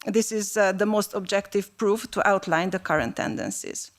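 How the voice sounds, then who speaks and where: A woman, originally from Romania, delivers a prepared speech to a panel. Her pitch sits at an ordinary middle height, and she reads in a steady, measured and formal manner. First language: Hungarian. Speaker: panel speaker.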